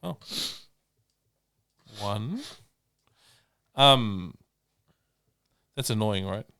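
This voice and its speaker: A man's voice: lowish voice, expressive, very slow, bright, forceful tone, dry recording. A man hosting a casual podcast chat, rambling and swearing as he retells scenes. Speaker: podcast host.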